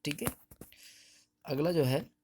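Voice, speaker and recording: A man's voice: fairly high pitch, expressive, darkish tone, a little hiss or hum. A man teaching a Sanskrit lesson to children, reciting verses syllable by syllable and explaining patiently. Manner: slow, drawn-out recitation of each syllable.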